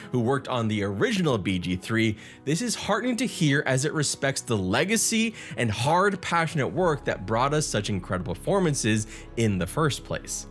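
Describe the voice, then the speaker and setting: A man's voice: mid-range voice, fairly bright tone. A man hosting a casual gaming news video, enthusiastic with self-deprecating asides.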